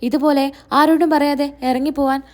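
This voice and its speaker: A woman's voice: sits high, flat delivery, a little fast, darkish tone, natural voice. A woman voicing a stern grandmother who scolds her family in a reproachful way. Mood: scolding.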